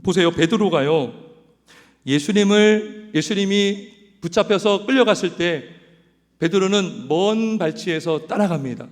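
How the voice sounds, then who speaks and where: A man's voice: sits high, a little slow, in a large hall. A man preaching a sermon as pastor, quizzing his congregation and acting out quoted lines. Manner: animated preaching, asks the congregation questions; acts out quoted lines in other voices. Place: church sanctuary.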